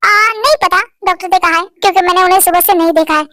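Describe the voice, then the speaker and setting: A woman doing a gentle motherly auntie. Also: very high-pitched, fairly even intonation, rapid-fire, slight background noise. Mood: friendly. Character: kind middle-aged auntie of the house.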